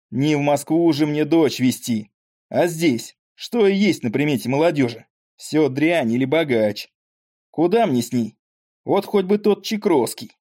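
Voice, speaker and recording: A man's voice: mid-range voice, mellow. A man voicing a frail, talkative old father with a weak voice and rambling folksy speech, in an audiobook.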